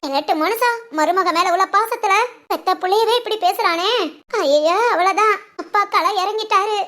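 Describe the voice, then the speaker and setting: A woman voicing a scheming, sharp-tongued older mother-in-law in a family cartoon, nagging and scolding. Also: extremely high pitch, normal speed. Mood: fretting. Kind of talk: cartoon voice acting.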